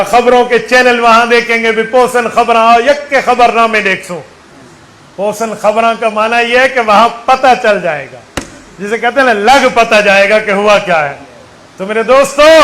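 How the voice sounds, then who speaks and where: A man's voice: high voice, fairly bright tone, low-quality recording. A man with a Saraiki accent preaching a sermon, counting aloud and quizzing his listeners with fervent exhortation.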